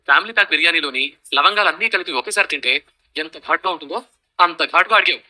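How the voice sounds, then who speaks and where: Dry-witted, teasing son. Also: male voice, on the high side, fast, bright, forceful tone. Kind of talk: TV serial acting.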